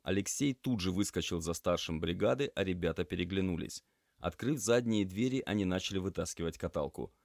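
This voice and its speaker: A man narrating a story in an even, measured voice, with a deep, low tone. The recording is dry and close to the mic, with no room echo. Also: creaky. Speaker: audiobook narrator. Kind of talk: scripted narration.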